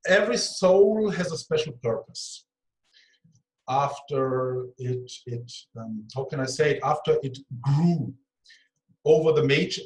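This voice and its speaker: A man in his forties speaks as an interview guest, unhurried and a little high for a man. He hunts for words and corrects himself as he goes. His voice comes through an echoey room. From Germany. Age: 40s. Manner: searching for words, self-correcting. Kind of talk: slow, halting conversation.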